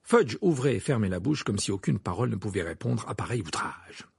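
A man narrating a novel aloud with lively, expressive delivery. His voice is raspy and gravelly, its pitch moving a great deal, recorded close and dry. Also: fairly quick, dry recording. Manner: expressive, animated reading. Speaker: audiobook narrator. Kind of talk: scripted narration.

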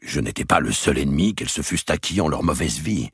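Man voicing a stubborn medieval lord for a storybook reading, raised loud husky voice, gravelly edge. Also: animated, quick pace, no room sound, studio quality, full character voice. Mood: angry. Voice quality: creaky husky low voice, raised and forceful. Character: stubborn proud medieval nobleman, defiant and loud.

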